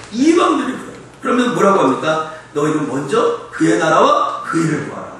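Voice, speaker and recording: A male pastor delivers a Sunday evening sermon, telling funny stories from home and calling out lines for the congregation to repeat. His voice sits a little high and swings widely. It is picked up from a distance in a big, reverberant church with faint background noise. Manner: lively, humorous storytelling with call-and-response to the congregation. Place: church sanctuary. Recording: echoey church hall, mic from afar, faint noise.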